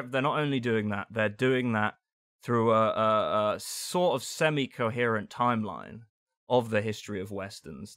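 A man co-hosting a podcast, chatting casually about a film, rambling and dropping his voice low on asides. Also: fairly bright tone, no room sound, studio quality. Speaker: podcast co-host.

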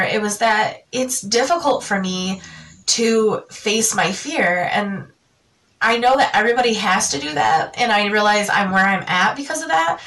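A young woman talking to camera in a personal vlog, halting and full of fillers and restarts, jittery and tearful. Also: mid-range voice, a bit bright, recorded from a distance, poor audio. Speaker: vlogger.

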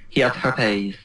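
A Welsh man joking excitably as a let's play co-host. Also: on the low side. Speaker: gamer co-host. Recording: roomy echo.

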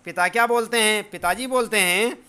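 A man's voice: sits high, fairly quick, sharp tone, clean tone. A male teacher explaining a play to schoolchildren, asking the class questions and answering them himself. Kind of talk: lesson explanation to children.

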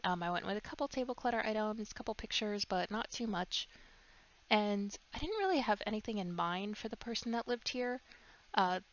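A young woman with a stuffy nose giving relaxed, chatty voice-over commentary on her game build, full of ums and likes. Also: medium pitch, normal speed. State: stuffed up with a cold. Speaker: gaming YouTuber. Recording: slightly dull lo-fi mic.

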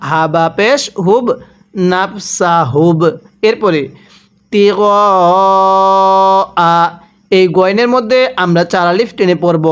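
A man leads a patient recitation lesson, stretching each syllable into a long chant. He asks himself how to read a word, then answers it. His voice is smooth and clear, and his delivery is unhurried. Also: high-pitched. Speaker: Quran reading teacher. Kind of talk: slow spelled-out recitation lesson.

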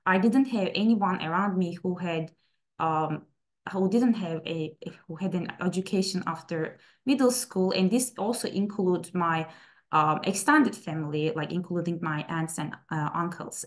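A woman in her thirties from Turkey, a native Turkish speaker, giving a webinar talk about her path into plant science, with many fillers and restarts. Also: lowish voice. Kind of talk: presentation talk over slides.

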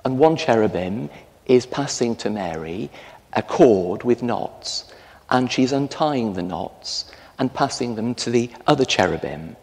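A middle-aged Englishman preaches a sermon in a large stone church, telling stories with animated gestures. His voice sits at an ordinary male pitch. The sound rings with the long reverb of the church, picked up from a stand mic some distance away. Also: measured pace. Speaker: parish priest.

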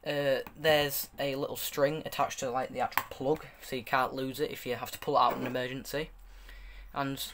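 A young man talks off the cuff in a slightly high voice. He rambles through a casual hands-on review, often correcting himself as he goes. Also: a bit bright. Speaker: hobbyist video reviewer. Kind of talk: casual unscripted product review.

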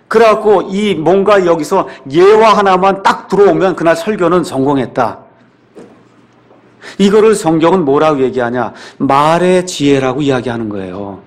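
High-voiced Korean pastor preaching emphatically. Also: male voice. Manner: emphatic, repetitive preaching with rhetorical questions. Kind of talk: sermon. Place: church sanctuary.

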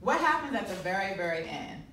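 A woman coaching an acting class, animated and pushing her student hard. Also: mid-range voice, a little fast, slight background noise. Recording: roomy distant room mic.

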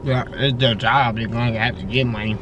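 A man's voice: mid-range voice, fairly even intonation, fairly quick, lo-fi sound. A young man talking casually to his viewers while chewing food, loose and slangy, with plenty of fillers. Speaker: YouTuber. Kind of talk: casual mukbang vlog chat. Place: parked car. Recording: noisy car interior with AC hum.

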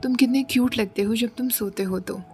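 A woman's voice: fairly high pitch, brisk, darkish tone, soft background music, lightly acted. A woman voicing a brooding, bossy young man who keeps pressing and coaxing in a storybook reading.

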